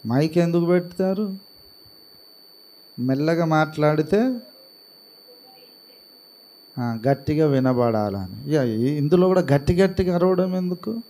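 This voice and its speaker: Male pastor, slightly high voice, slow and gentle sermon delivery, no shouting. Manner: calm and unhurried, talks gently rather than shouting. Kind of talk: slow, soft-spoken Telugu sermon.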